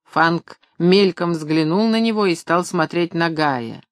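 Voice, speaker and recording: A man reading a novel aloud in an even, measured storytelling voice. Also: on the high side, dry recording, clean studio sound. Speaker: audiobook narrator. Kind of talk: scripted narration.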